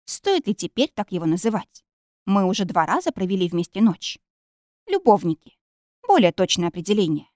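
A woman reading a first-person novel aloud in a soft, expressive storytelling manner. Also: mid-range voice, normal speed, no echo, studio quality. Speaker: audiobook narrator. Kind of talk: first-person audiobook narration.

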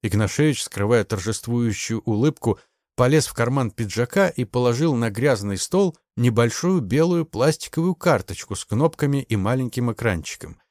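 In a dry, clean studio recording, a male audiobook narrator with a mid-range voice reads a crime story. His scripted delivery is measured and even.

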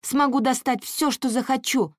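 High, stubborn girl who flares up fast , read by a woman. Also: dry recording, clean studio sound, lightly acted. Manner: hot-headed, stubborn, soon calms down. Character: quick-tempered girl, the narrator's sister.

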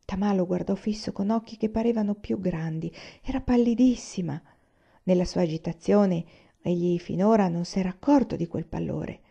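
Lady reading a novel out loud, steady and measured, warm mellow voice, kinda muffled recording. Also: on the low side, gravelly, slightly rough. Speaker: reader. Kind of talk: audiobook narration.

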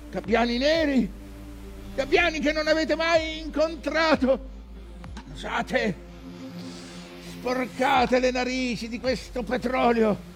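An actor playing an obsessed, scarred old whaling captain in a declamatory theatrical stage monologue. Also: male voice, very high-pitched, full character voice. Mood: feverish, exultant. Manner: declamatory, swinging from hushed brooding to shouted commands.

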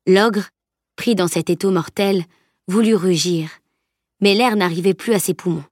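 A woman narrating an audiobook in a measured, even storytelling voice. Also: lowish voice, no room sound, clean studio sound.

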